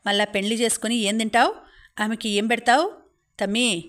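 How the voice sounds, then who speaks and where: A woman voicing a calm middle-aged village husband who smooths things over with resigned remarks, speaking with a Telangana accent. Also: a little high, fairly quick, lightly acted. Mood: placating. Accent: Telangana Telugu.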